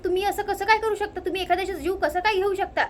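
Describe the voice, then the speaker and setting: A woman's voice: very high-pitched, steady tone, quick pace, a little hiss or hum. A woman retelling a story, quoting a tearful older woman who pleads and wails. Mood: pleading. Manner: retold quote in narrator's own voice.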